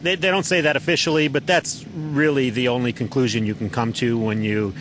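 A male news correspondent reporting live by satellite phone from outdoors, speaking haltingly with many fillers and repeated words. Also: mid-range voice, fairly even intonation, fairly bright tone, slight background noise. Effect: satellite phone line. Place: outdoors on an air base tarmac.

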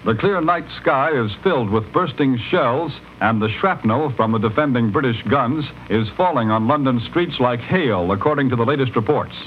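A man delivering a 1940s radio news bulletin in a formal, measured announcer manner, heard as an old newsreel radio broadcast. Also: mid-range voice, lively intonation. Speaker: radio newscaster. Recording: dull lo-fi archival radio with faint hiss.

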